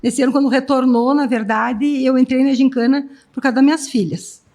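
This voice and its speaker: A woman's voice: high voice, fairly even intonation, brisk, a little mellow. A woman in her fifties, a team president chatting casually as a podcast guest, often tagging her sentences with a question. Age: 50s. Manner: chatty, tags lines with "né?".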